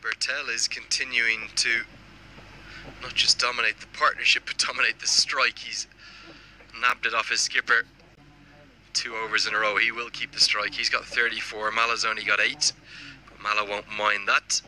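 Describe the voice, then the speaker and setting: A man's voice: lowish voice, level tone, normal speed, bright, forceful tone, slight background noise, low-quality recording. A man giving live cricket commentary and reading out viewer messages. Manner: reads viewer messages aloud.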